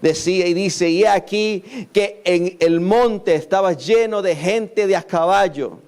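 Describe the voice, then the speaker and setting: A man's voice: sits high, unhurried, a little mellow. A man preaching a sermon in church, telling a scripture story and acting out its people in quoted lines.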